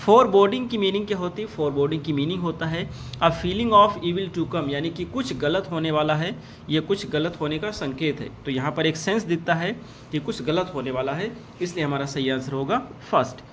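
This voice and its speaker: A man with a slightly high voice gives an exam-prep lesson. He reads multiple-choice questions aloud in slowly and deliberately, then explains each answer in a brisk, conversational way. Faint background noise sits under his voice. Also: a bit bright. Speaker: teacher.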